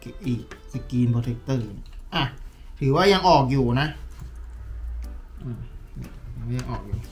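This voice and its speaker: A man's voice: mid-range voice, slow pace, faint music behind. A man talking casually as he unboxes and reviews a tablet case, thinking aloud with lots of fillers. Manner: relaxed, chatty, thinking aloud with many fillers.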